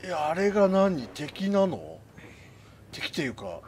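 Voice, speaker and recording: A man's voice: on the high side, wildly swooping pitch, takes it slowly, a little mellow, a little hiss or hum. A man giving casual live commentary on a horror game, talking to himself and reacting aloud, with game sound behind him. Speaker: game streamer.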